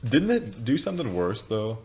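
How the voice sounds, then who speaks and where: A man's voice: on the low side, very animated, moderate pace, background noise. A man co-hosting a podcast, chatting casually and laughing easily. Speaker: podcast co-host. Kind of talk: casual chat.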